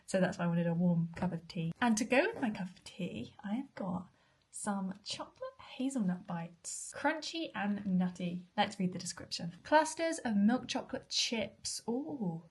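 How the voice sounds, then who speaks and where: Breathy British woman chatting over food. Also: medium pitch, expressive, normal speed, hardly any pauses. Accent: British English. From Britain. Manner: chatty, eating while talking, drops to half-whispers. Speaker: food vlogger. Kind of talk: casual taste-test vlog.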